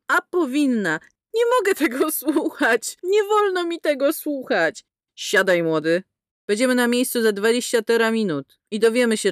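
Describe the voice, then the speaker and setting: A brash space pilot woman snaps crude, sarcastic remarks in a bright, lively voice, as a woman reads her. She is blunt and unbothered. The sound is dry and close. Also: fairly high pitch, no echo, close to an everyday voice.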